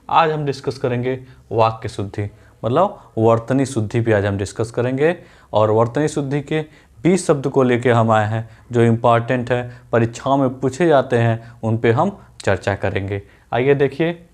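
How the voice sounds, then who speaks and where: A man leads an exam-prep spelling lesson in an instructive teacher's voice. He repeats each word over and over and quizzes his students with quick questions. He also works in everyday example sentences. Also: medium pitch, a little mellow.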